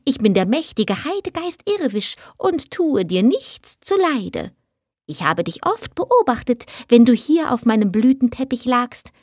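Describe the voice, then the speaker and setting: A tiny wrinkled heath spirit, as a woman reader puts him on, speaking in a high, squeaking voice well above her own. He is proud and spiteful, handing down grim, commanding pronouncements in a storybook tale. The recording is close and dry. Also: big pitch swings, unhurried, darkish tone, no echo. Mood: wooing. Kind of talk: storybook reading.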